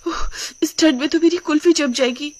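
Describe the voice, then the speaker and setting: A young newlywed bride in an animated storybook, pitched high and exasperated, as a woman puts her on. She talks with sarcastic, grumbling asides. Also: moderate pace, lightly acted. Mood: shivering, puzzled.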